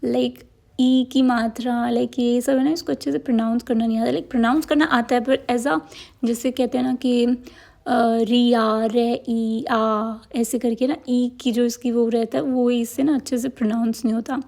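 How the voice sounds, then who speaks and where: A woman's voice: a little high, steady tone, a little fast, creaky, mellow. A young woman vlogger narrating her day in a casual, rambling way, full of filler words.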